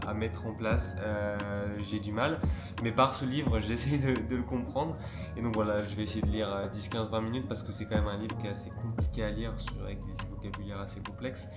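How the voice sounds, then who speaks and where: A young man from France chatting casually through a daily vlog, relaxed and full of fillers. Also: on the low side, fairly quick, roomy sound, loud music behind the voice. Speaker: vlogger.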